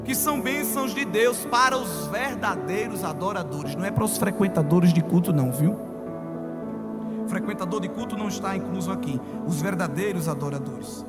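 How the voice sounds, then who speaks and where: A man preaching a sermon as pastor, emphatic, rising to loud declarations. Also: high voice, lively intonation, moderate pace. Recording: long hall reverb with music.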